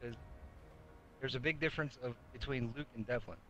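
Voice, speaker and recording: A man's voice: mid-range voice, steady tone, a little fast, fairly bright tone, muffled recording, a little hiss or hum. A man in his thirties chatting casually on a podcast and telling jokey stories in a teasing manner. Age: 30s. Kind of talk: casual chat, joking anecdotes.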